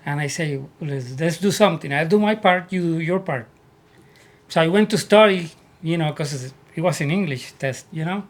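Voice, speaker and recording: An army veteran from Puerto Rico tells stories as a guest in a casual interview, his English carrying a Puerto Rican Spanish accent. His voice is rather high and his pace moderate, and he's earnest, repeating words while he searches for the right English.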